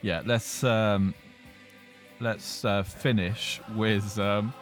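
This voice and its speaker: A man with a Welsh accent hosting a casual podcast chat in a hesitant, halting way. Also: fairly low pitch, little pitch movement, soft background music. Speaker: podcast host.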